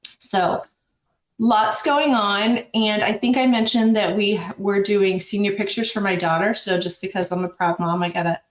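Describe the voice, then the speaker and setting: A middle-aged woman with a hoarse, smoker-like rasp, chatting casually and candidly in a rambling, mildly salty way as a show host. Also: medium pitch, fairly even intonation, normal speed. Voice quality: raspy like a chain smoker. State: hoarse from bronchitis. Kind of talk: casual chat. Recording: roomy, echoey sound.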